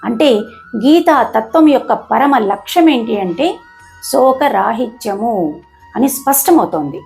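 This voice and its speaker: A woman hosting a lesson, explaining verse pronunciation slowly and carefully, syllable by syllable, with English words mixed in. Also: high-pitched, very animated, vocal fry, warm tone, faint music behind. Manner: mixes English words into the talk. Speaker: host and Gita teacher.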